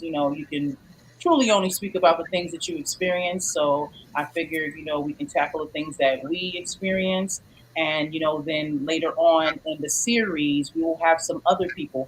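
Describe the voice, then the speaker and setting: A woman's voice: low-pitched, a little hiss or hum, poor audio. A woman hosting a casual podcast over an online call, talking in a loose, chatty way and often saying "you know what I'm saying". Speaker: podcast host.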